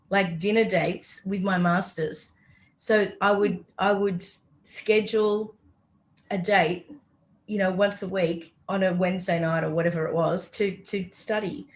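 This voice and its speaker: A middle-aged woman hosting an interview podcast, chatty, reflective and self-deprecating. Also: medium pitch. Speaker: podcast host. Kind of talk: casual interview chat.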